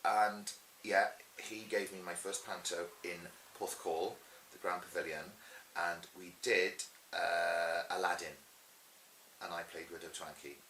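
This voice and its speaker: A middle-aged pantomime performer chats through anecdotes in an animated interview, theatrical and full of emphasis. His deep voice is steady and measured yet pushed and bright. The recording sounds roomy, with a light hiss.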